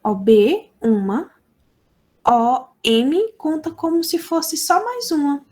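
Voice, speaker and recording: Teaching an online lesson about sign language phonology, a woman with a Brazilian Portuguese accent speaks in a high, slightly mellow voice with lively intonation. Her explanations are slow and deliberate, going step by step with frequent checks for understanding.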